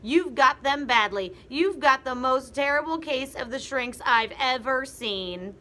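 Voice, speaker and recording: Woman reads a cruel old prankster husband, gloating, bright and pushed. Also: high-pitched, lively intonation, unhurried, a little hiss or hum, voice pushed up, full character voice. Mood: taunting. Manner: taunting, gloating. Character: nasty old man, gleeful cruel prankster.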